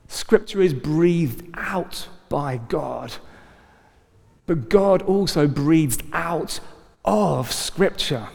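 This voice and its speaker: A man preaching a sermon as pastor, emphatic and rising to loud exclamations. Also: on the high side, vocal fry. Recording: long hall reverb.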